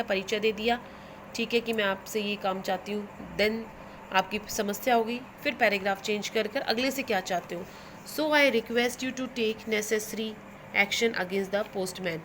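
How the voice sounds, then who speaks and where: A woman with an Indian accent and a fairly high voice teaches English to schoolchildren, giving clear instructions. She moves between Hindi and English, repeating phrases and translating them. The low-quality recording has a slight hiss or hum.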